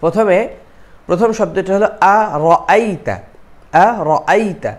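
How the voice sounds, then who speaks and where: A man's voice: high-pitched, unhurried. A man teaching Quran recitation, explaining pronunciation and repeating syllables to drill them. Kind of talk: recitation lesson with slow chanting and quick explanation.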